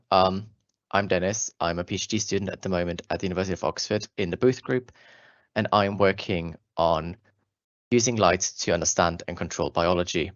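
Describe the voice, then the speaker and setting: A young man in his twenties with an Austrian German accent gives school students an earnest, friendly talk about his path as a doctoral student, using fillers and restarts. His voice is low-pitched, with no echo and the highs cut off.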